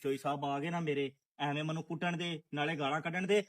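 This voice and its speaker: A man's voice: on the high side, fairly even intonation, quick pace, close to an everyday voice. An actor playing a fearful servant who pleads to keep his humble place. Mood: fearful pleading. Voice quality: pleading, submissive. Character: timid, fearful male servant.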